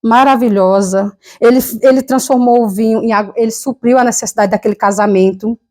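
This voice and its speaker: Fervent Brazilian woman preaching, slightly high. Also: steady tone, fairly quick, a little mellow. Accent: Brazilian Portuguese. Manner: fervent, repetitive, emotional preaching. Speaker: lay preacher. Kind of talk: sermon with personal testimony. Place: church service.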